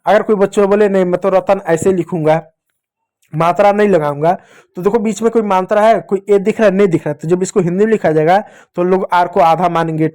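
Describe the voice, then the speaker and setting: A man's voice: sits high, mellow. A man teaching young children step by step, patiently repeating each point and asking questions that he answers himself. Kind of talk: classroom lesson for young children.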